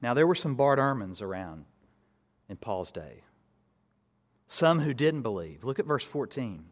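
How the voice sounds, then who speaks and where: Guy preaching a bible sermon, gets loud and punchy then goes quiet, middle pitch voice. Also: big pitch swings, unhurried. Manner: expository preaching with rising emphatic peaks and soft asides. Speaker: pastor.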